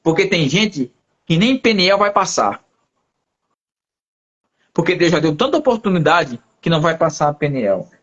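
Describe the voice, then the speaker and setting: High-voiced man, lively testimony, muffled stream. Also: normal speed, long pauses. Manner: lively storyteller who acts out quoted voices. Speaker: pastor. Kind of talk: testimony storytelling in a live conversation.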